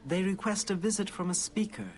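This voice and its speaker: A man acting a devoted servant of an assassins' order in a game. He speaks in a slightly high voice, formal, measured and deferential, with faint noise behind him. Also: darkish tone, natural voice. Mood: earnest, instructive. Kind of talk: video game character acting.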